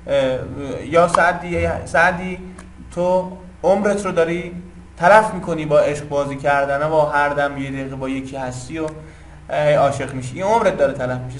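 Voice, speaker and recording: A man's voice: fairly high pitch, a little hiss or hum, low-quality recording. A man giving an informal lesson on poetic meter, explaining patiently and chanting the metrical feet in rhythm. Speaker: teacher of Persian poetic meter.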